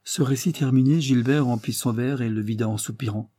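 A man narrating a classic novel as an audiobook with steady storytelling. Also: medium pitch, brisk, dry recording, studio quality.

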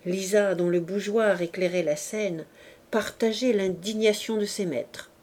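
A woman reading a classic novel aloud in a slow, measured narration. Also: mid-range voice, steady tone, darkish tone. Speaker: audiobook reader.

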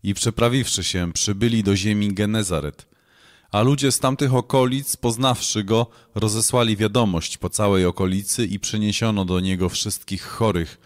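A man reading scripture aloud in a measured, solemn way. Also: fairly low pitch, steady tone. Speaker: scripture reader.

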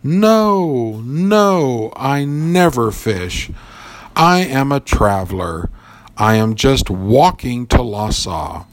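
A man's voice: fairly low pitch, big pitch swings, slow. A man voicing a young, timid orphan mouse who speaks nervously in a storybook reading. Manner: nervous, pleading.

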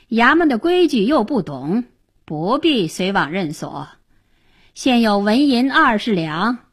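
A cold, calculating young male official speaks with smug restraint, as a woman storyteller puts him on. His delivery is slow and husky, with the measured voice of traditional oral storytelling. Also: a little high, a bit bright, exaggerated voice.

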